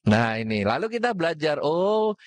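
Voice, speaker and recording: A man's voice: a little high, sing-song, measured pace, dry recording. A man giving a Buddhist Dhamma talk, putting rhetorical questions to his audience and mixing in words. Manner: mixes in Javanese words.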